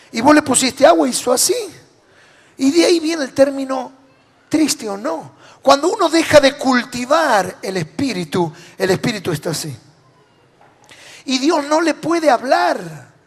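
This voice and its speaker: High-voiced Rioplatense pastor preaching. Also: male voice. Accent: Rioplatense Spanish. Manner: preaching with rhetorical questions to the congregation; swings between loud declarations and low, quiet endings. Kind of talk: sermon. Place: large church hall. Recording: reverberant church hall.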